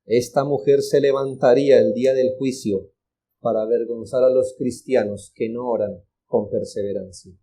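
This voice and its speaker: A man's voice: mid-range voice, fairly even intonation, moderate pace, dark tone, breathy edge. A male pastor with a Colombian accent preaching an earnest, exhorting sermon and repeating words for emphasis. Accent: Colombian Spanish.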